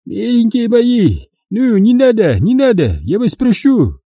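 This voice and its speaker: A terrified middle-aged dealer, voiced by a man reading an audiobook, begs for his life in a high, strained voice. His pleading runs babbling and near tears, husky and dark in tone. The reading is close and dry. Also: huge pitch swings, fairly quick, no echo, muffled recording, heavily acted.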